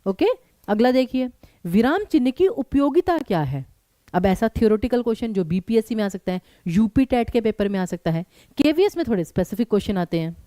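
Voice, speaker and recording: A woman teacher, leading a live online exam-prep class and talking straight to her students in an animated way. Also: fairly high pitch, a little fast, dry recording. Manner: animated, addresses students directly.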